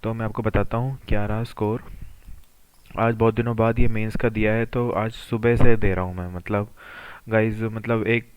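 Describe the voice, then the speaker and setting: A young man with a cold, his voice gone hoarse, chatting casually as he reviews his mock test results and keeps adding tag questions. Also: on the low side, level tone, normal speed, no room sound. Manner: chatty, often adds "है ना". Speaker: exam aspirant channel host. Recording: dull lo-fi recording.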